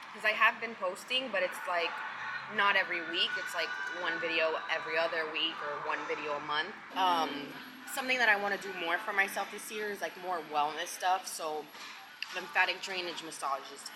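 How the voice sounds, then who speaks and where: A young woman with a fairly low voice chats casually to her viewers while eating. It is a mukbang-style vlog, recorded with loud ambient noise like a vehicle behind her. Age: twenties. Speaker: vlogger. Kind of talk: casual mukbang chat to camera.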